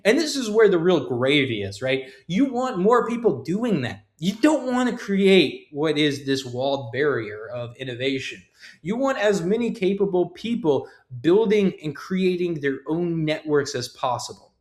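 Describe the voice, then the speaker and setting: A middle-aged software developer presents his own project in an informal, emphatic, rambling tech talk, punctuated with short checking questions. His voice is a little high, very animated, and unhurried, recorded in an echoey room.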